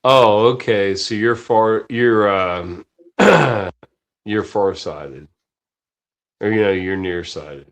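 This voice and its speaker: A man's voice: lowish voice, lively intonation, takes it slowly. A man in his late forties chatting casually on a podcast, rambling, swearing often and restarting his sentences. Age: 40s. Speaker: podcast host. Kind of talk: casual chat.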